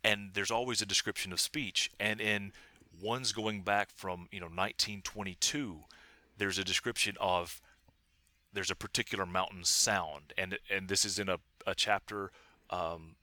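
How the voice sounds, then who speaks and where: A man talking as an academic researcher and interview guest, explaining in a halting, careful way. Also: deep voice, fairly even intonation, pushed and bright, no echo. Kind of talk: academic discussion.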